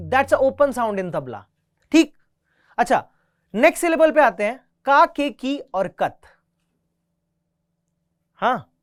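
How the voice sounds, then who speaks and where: A man's voice: sits high, no echo. A man teaching a beginner tabla class, mixing Hindi with English, patiently repeating each instruction and reciting the drum syllables aloud.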